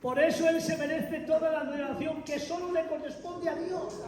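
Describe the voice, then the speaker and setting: High-voiced man preaching in an echoey hall. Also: steady tone, normal speed, far from the mic, very noisy. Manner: emphatic, dramatic retelling, calls on the congregation, bursts into shouts. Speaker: visiting preacher. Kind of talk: animated Bible teaching. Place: church hall.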